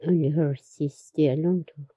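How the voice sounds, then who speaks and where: Woman storyteller, low husky voice, slow unhurried telling, muffled dry recording. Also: steady tone, warm tone, dry recording. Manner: unhurried, repeats herself, laughs between stories. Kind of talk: oral history storytelling.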